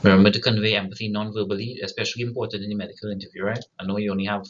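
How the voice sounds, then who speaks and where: A man's voice: on the low side, little pitch movement, very fast, dull audio. A man giving a recorded lecture to students, often checking in with "right?" and restarting his sentences. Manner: frequent "right?" tag questions, restarts.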